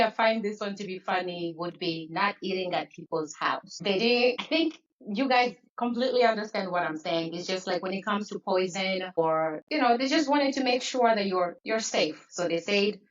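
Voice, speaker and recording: A woman's voice: medium pitch, expressive, normal speed, few pauses, recorded from a distance, muffled recording. A woman from Congo speaking as a podcast guest in a casual, reflective chat.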